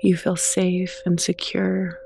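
A soft-spoken, gentle meditation guide reading slow, soothing scripted narration with unhurried pauses and a creaky edge. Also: medium pitch, completely flat delivery, a little hiss or hum.

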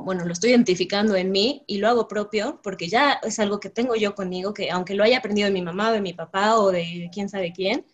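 A woman in casual conversation, reasoning aloud in a thoughtful, measured way. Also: medium pitch.

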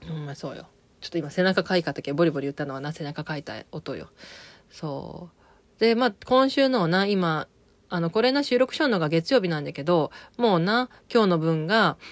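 A woman's voice: on the low side, no room sound. A woman with an Okayama accent chatting casually about a TV drama, rambling with many fillers and self-corrections. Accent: Okayama dialect of Japanese. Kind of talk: casual spoken recap of a TV drama.

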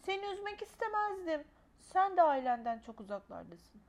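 A woman voicing an excitable little girl who keeps calling out to her parents and pleading to be heard. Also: moderate pace, exaggerated voice. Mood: sad. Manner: shrill, pleading, calls out loudly.

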